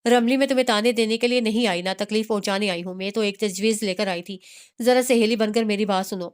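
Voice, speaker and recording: Woman reading pushy scheming friend, coaxing, smooth voice, mid pitch. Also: lightly acted. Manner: coaxing, insistent.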